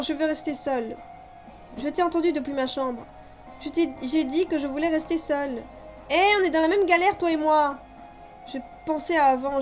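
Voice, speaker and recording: A woman's voice: high-pitched, close to an everyday voice. A woman doing a cheeky teenage sister. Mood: sympathetic. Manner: teasing, excitable. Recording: dull lo-fi with music behind.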